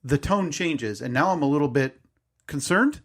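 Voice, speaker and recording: A man's voice: fairly high pitch, animated, moderate pace, fairly bright tone. A man in his thirties, co-hosting a podcast, telling a story in a rambling, hesitant way with lots of self-corrections. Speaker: podcast co-host. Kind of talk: casual storytelling chat.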